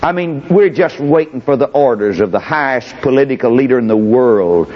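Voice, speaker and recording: A boastful palace guard, impatient for bloodshed, drawling his threats slowly and with relish, as a man plays him. The voice rises and falls widely, and the recording is dull and lo-fi. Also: medium pitch, expressive, close to an everyday voice. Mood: gloating. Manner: boastful, slow and gloating. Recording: dull lo-fi recording with faint hiss.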